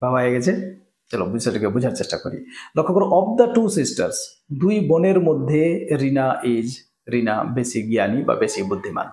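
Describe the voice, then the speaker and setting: A male grammar teacher talking through multiple-choice questions at a patient, step-by-step pace. He often stops to check that students follow, and he reads example sentences slowly and with care. His voice sits in an ordinary middle pitch, recorded in a room with a clear echo. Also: sing-song, darkish tone. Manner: explains step by step, often asks "right?". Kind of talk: exam-prep grammar lesson.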